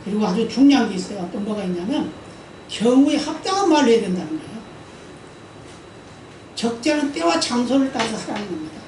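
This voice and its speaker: A woman's voice: a little high, very animated, fast, pauses often, a little mellow, far from the mic, a little hiss or hum. Woman pastor preaching in a roomy church. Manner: conversational, often asks the congregation for an amen; acts out quoted speech in stories. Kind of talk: sermon. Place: church sanctuary during service. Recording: roomy church hall, voice from afar.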